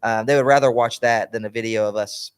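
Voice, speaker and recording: A man's voice: medium pitch, fairly even intonation, a little fast, smooth. A young man co-hosting a podcast in casual chat, rambling with lots of fillers and restarts. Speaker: podcast co-host.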